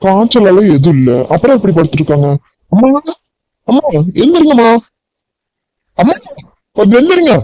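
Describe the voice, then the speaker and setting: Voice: medium pitch, expressive, moderate pace, pauses often, mellow, no room sound, highs cut off, lightly acted. A man voicing a young village child who is worried and pleading, in a cartoon comedy. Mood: anxious. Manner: anxious, pleading.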